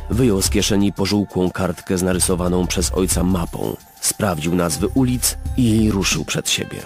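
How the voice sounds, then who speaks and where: A man narrating a story in a measured, expressive storytelling manner. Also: deep voice, soft background music. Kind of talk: scripted audiobook narration.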